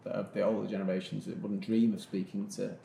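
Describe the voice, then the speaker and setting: A man's voice: lowish voice, little pitch movement, quick pace, vocal fry, dark tone. A man talking casually as a panellist in a podcast discussion. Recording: roomy echo, faint noise.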